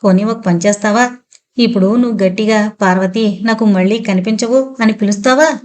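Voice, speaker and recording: A woman's voice: medium pitch, fairly quick, darkish tone, natural voice. Woman doing a firm, insistent father. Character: determined older father, firm and probing.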